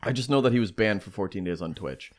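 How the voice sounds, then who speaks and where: A man co-hosting a casual podcast, rambling and animated, with lots of fillers and restarts. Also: lowish voice, fast talker. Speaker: podcast co-host. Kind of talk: casual chat.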